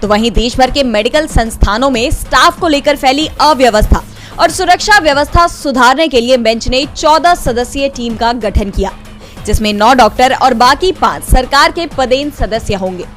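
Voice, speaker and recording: A woman with a high-pitched voice narrates a scripted news report. She speaks as a reporter in voice-over, with music playing faintly underneath. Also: lively intonation, moderate pace, fairly bright tone. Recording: music bed behind the voice.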